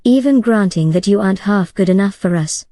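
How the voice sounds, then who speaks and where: A woman's voice: medium pitch, expressive, brisk, mellow, no room sound, lightly acted. A woman voicing an opinionated, aging male bachelor who talks in a lecturing, earnest way.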